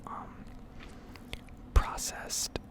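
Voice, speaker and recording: Over gameplay, a woman gives relaxed, roaming ASMR narration in a breathy whisper; she makes gaming ASMR videos.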